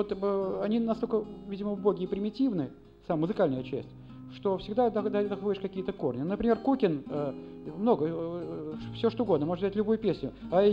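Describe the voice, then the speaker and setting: A singer-songwriter from Saint Petersburg, Russia, speaks between songs at a live performance in a high-pitched voice on a muffled recording. He rambles and puts himself down, humming and singing snatches of tunes.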